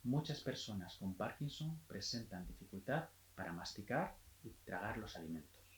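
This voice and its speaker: A man working as a physiotherapist, giving a calm, explanatory health talk and restarting phrases now and then. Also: on the low side, moderate pace, reverberant, a little hiss or hum, poor audio.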